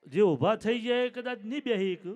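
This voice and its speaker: High-voiced comedian joking on stage. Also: male voice, animated, moderate pace, darkish tone, dull audio. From Gujarat. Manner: chatty, acts out both sides of each joke's dialogue. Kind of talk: stand-up jokes at a folk stage show. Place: stage at a late-night live event.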